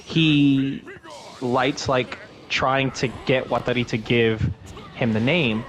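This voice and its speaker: A man on a podcast rattles through a movie recap with a lot of swearing and filler, jumping into the characters' voices as he goes. His voice sits at a mid pitch and his delivery is loose and conversational. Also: steady tone, slow pace, a little hiss or hum. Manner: profane, rambling, acts out characters' lines. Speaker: podcast co-host. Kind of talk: casual chat, retelling a movie plot.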